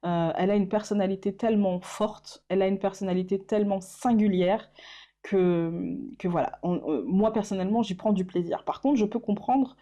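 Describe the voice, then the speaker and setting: A woman's voice: mid-range voice, normal speed, dark tone. A woman vlogging casually about her favorite channels, hesitant, with many fillers and restarts, laughing at herself. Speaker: YouTuber. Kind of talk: casual vlog chat.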